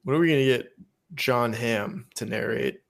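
A man's voice: medium pitch, moderate pace, creaky, fairly bright tone. A man co-hosting a casual post-game sports stream, upbeat and joking. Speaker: podcast co-host.

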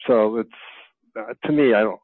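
A man's voice: on the low side, moderate pace, no echo. Man on a tinny phone line. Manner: hesitant, many fillers and restarts. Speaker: physician guest. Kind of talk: conversational interview.

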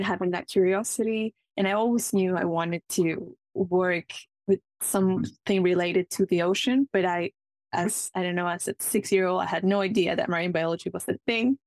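Guest, young Ecuadorian woman, Spanish-accented English, mid pitch, earnest, dry mic. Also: no echo. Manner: earnest, eager, with frequent restarts. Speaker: marine biologist guest. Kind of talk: casual interview.

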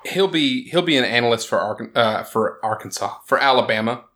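A man hosting a casual sports chat, joking, sarcastic and quick to laugh as he runs through scores. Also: mid-range voice, lively intonation, a bit bright. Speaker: podcast host.

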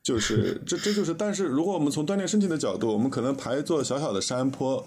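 A man's voice: mid-range voice, animated, fast talker, a little mellow, husky. A man speaking as a literary critic on a podcast, earnest and hesitant, often restarting his sentences. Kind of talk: casual discussion.

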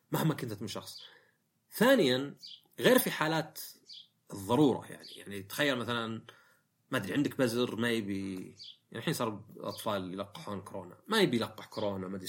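A man's voice: mid-range voice, fairly bright tone, breathy edge. A man hosting a casual monologue podcast, reflective and rambling, with frequent fillers and self-corrections. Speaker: podcast host.

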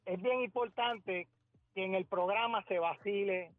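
A man's voice: high-pitched, unhurried. Polite male caller on a tinny phone line. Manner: polite, formal. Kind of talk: call-in comment.

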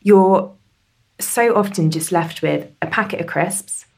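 Chatty, lowish woman writer. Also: slow, gravelly, husky. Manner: chatty, playful. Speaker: drinks writer, co-host. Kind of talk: casual chat.

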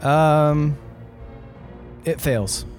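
A man narrating a tabletop role-playing game as game master, laying out scenes in deliberate, suspenseful short phrases. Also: on the high side, darkish tone, faint music behind.

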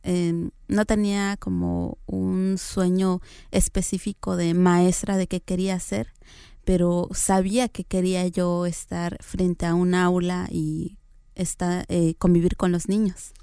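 A young woman from Oaxaca speaks in a smooth, resonant voice. She answers softly and hesitantly, pausing on fillers, recorded close and dry with no room sound. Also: fairly low pitch, dry recording. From Oaxaca, Mexico. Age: young adult. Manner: soft-spoken, hesitant fillers, light laughs. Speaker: interview guest. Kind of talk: relaxed interview conversation.

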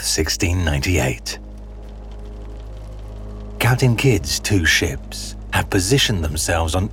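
A man giving scripted, dramatic documentary narration in a measured storytelling manner. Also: low voice.

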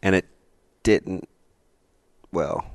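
A man's voice: low-pitched, extremely slow, creaky, dry recording. A man in his late forties co-hosting a sports talk show, joking around and laughing often. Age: 40s. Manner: animated, jokey, laughs often. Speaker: sports radio co-host. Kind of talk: casual sports talk banter.

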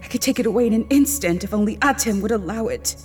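A woman's voice: a little high, quick pace, a little mellow, soft background music, close to an everyday voice. A woman playing a compassionate goddess of nature and healing in an audio drama, a loving wife with a tender, earnest manner. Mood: anguished.

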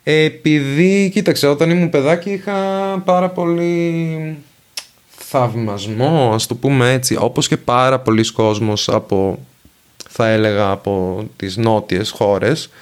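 Venetian Italian-accented man, linguist guest, mid-pitched, unhurried, pauses to pick his words. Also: clean tone. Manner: slow, thoughtful, pauses to find words. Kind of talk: casual conversation.

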